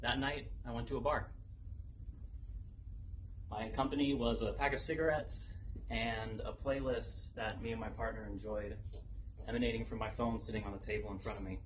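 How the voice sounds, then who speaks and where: A young man delivering a rehearsed personal story as a competition speech, deliberately and dramatically, pausing for effect. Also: mid-range voice, low-quality recording. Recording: noticeable background noise, live event ambience.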